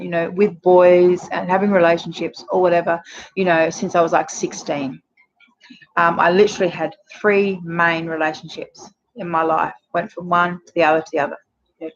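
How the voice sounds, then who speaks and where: A woman in her forties giving frank, chatty relationship advice to camera, with many fillers. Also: on the low side. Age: 40s. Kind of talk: casual direct-to-camera advice. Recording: dull lo-fi sound with faint noise.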